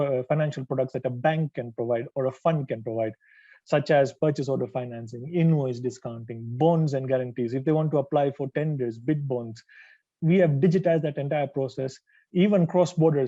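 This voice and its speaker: A man on a conference panel, explaining his product in a steady, explanatory way, on dull online call audio. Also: medium pitch, dry recording. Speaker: panelist, tech company founder.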